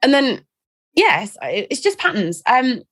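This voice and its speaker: A woman in her forties from England, a guest in an interview, talking in a chatty, animated way with self-mocking asides. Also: sits high, measured pace. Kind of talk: casual interview chat.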